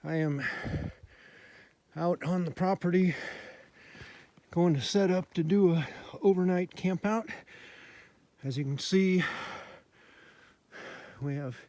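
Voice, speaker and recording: An out-of-breath man talks to the camera outdoors in the snow, taking his time between phrases. His voice sits a bit high for a man but sounds mellow, and the recording is dry. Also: dry recording. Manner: plain, unhurried talk with pauses. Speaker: outdoor vlogger. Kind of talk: casual outdoor vlog. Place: outdoors in snowy woods.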